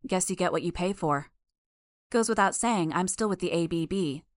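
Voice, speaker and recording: A woman's voice: lowish voice, moderate pace, no echo. A woman voicing a smug young female villain who speaks through a hissing gas mask, taunting her foes. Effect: robotic monotone hiss.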